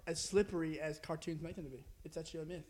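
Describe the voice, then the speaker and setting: A man's voice: on the high side, fairly even intonation, quick pace, a little mellow. A young man in his teens chatting casually in a laid-back, slangy, swearing way. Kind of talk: casual chat.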